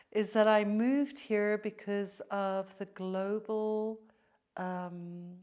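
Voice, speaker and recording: A middle-aged woman from South Africa, speaking as an interview guest in a slow, reflective way that sometimes sinks to a near-whisper. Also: mid-range voice. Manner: slow, thoughtful, drops to near-whisper at times.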